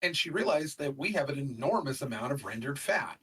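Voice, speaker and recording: A man's voice: mid-range voice, animated, brisk, a bit bright, breathy edge, far from the mic, poor audio. A middle-aged man co-hosting a podcast in casual chat, rambling with lots of fillers. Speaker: podcast co-host.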